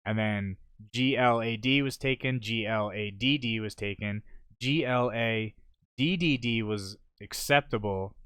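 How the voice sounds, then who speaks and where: A young man hosting an unscripted podcast, telling stories in a casual, profane, animated way. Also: lowish voice, clean tone, dry recording, clean studio sound. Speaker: podcast host. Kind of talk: unscripted solo podcast storytelling.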